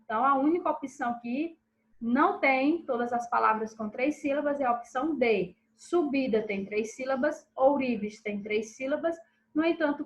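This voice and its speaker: High-voiced woman teacher reviewing exercises. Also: fairly bright tone, rough recording. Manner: checks in with pupils after each answer; stresses syllables slowly and clearly. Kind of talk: recorded lesson reviewing exercises.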